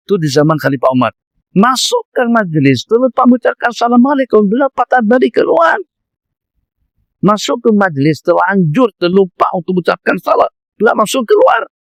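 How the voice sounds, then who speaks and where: Speaking with a Malaysian Malay accent, a male preacher gives a mosque lecture, telling stories with animation and acting out the voices. His voice sits high and moves fairly quickly, captured as clean studio sound with no room sound.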